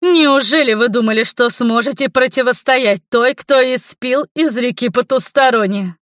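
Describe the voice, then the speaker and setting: A woman's voice: on the high side, moderate pace, dry recording, studio quality, voice pushed up, natural voice. A woman voicing a cackling undead fire witch. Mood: gloating. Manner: cackling, purring and mocking. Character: sinister undead fire sorceress, gloating, cruel. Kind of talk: audiobook character voice.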